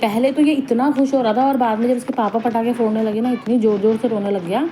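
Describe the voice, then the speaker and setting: A woman's voice: fairly high pitch, fairly even intonation, fast, mellow. Chatty woman vlogging over noise. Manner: chatty, homely storytelling. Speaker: family vlogger. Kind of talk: casual vlog narration.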